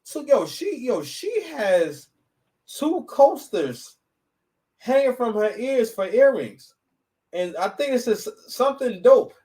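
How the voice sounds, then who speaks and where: Animated, rambling male podcast host. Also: very high-pitched, takes it slowly, recorded from a distance, rough recording. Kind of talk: casual reaction commentary.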